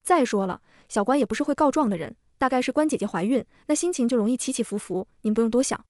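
A woman voicing a lively, chatty young woman quick to defend herself in an audio comic. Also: on the high side, no echo, clean studio sound, lightly acted. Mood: defensive.

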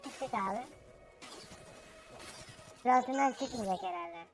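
A gamer with a pitched-up helium voice effect, giving casual, cocky, crude gameplay commentary with slang and swearing. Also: slow pace, over music. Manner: cocky, crude, mock-tutorial. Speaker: gaming video creator commentating own gameplay.

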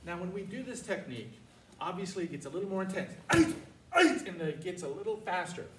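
A man's voice: high voice, big pitch swings, brisk. An older man teaching a karate class, calling out short, commanding cues for students to repeat. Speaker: martial arts instructor. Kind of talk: karate lesson with call-and-response drills. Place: large martial arts studio, indoors. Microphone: far camera. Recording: roomy, distant mic with faint noise.

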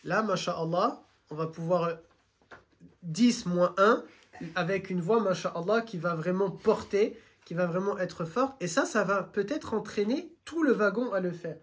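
A man guiding a group on a train, explaining in a lively, teacherly way and asking them questions. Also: high-pitched, normal speed. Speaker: religious guide. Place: train carriage.

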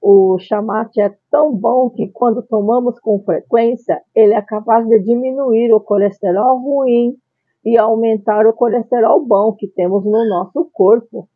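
A middle-aged Brazilian woman presents a casual review as a channel host. Her voice sits fairly high and she speaks very slowly, spacing out her phrases deliberately. The sound is narrow and phone-like, recorded indoors. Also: fairly even intonation, no room sound. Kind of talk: casual product review vlog. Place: small tiled room at home, indoors. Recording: phone-like, band-limited sound.

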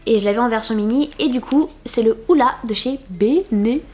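A young woman chatting through a beauty haul at home, full of fillers and quick restarts. She talks loosely and warmly to her viewers and keeps breaking off to reveal the next item. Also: on the high side. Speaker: beauty vlogger. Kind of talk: casual haul video chat.

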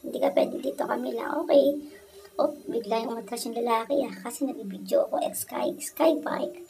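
A woman's voice: a little high, steady tone, normal speed, music in the background, rough recording. A woman with a Filipino accent narrating a casual vlog outdoors in a park at night on a phone camera, teasing and playfully self-pitying. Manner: teasing, playfully self-pitying, shouts and sing-song at times. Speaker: vlogger. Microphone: handheld phone camera.

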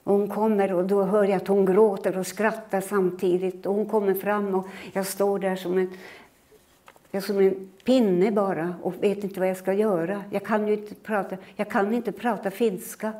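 A woman in her eighties, originally from Finland, giving a lecture in which she recounts her own life in a measured, reflective way. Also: mid-range voice, flat delivery, dark tone. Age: 80s. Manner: measured, reflective storytelling that acts out her own remembered words. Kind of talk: personal storytelling lecture.

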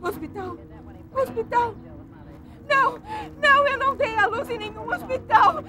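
A woman's voice: very high voice, lively intonation, measured pace. A woman dubbing a young mother who cries and begs for help after her baby is stolen. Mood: desperate. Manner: pleading, sobbing, shouting for help. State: crying. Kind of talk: dubbed telenovela acting. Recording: music and crowd behind. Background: loud music and crowd noise.

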